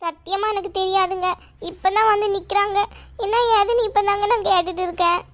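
Meek cartoon mother, voiced by a woman; apologetic, very high pitch. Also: steady tone, a little fast. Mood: pleading. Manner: pleading and apologetic. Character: meek timid wife and mother, middle-aged woman.

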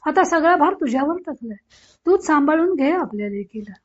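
A woman's voice: high-pitched, animated, brisk. A woman reading as a meek, pleading young wife. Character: frightened young daughter-in-law. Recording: dull lo-fi recording.

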